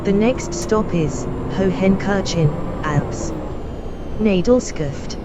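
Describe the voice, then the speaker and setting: A woman's recorded voice calls out the bus stops over the intercom, slow and formal. The sound is dull and muffled, and the loud rumble of a bus engine is heard behind it. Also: lively intonation. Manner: measured, formal announcing. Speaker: bus stop announcer. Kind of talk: recorded stop announcements. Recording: muffled game audio under loud engine noise.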